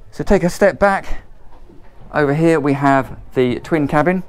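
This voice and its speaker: Here the English guide's voice sits fairly high, clean and unhurried. He offers a chatty, enthusiastic, off-the-cuff walkthrough of a motor boat moored at a marina, the handheld footage following him between decks and cabins.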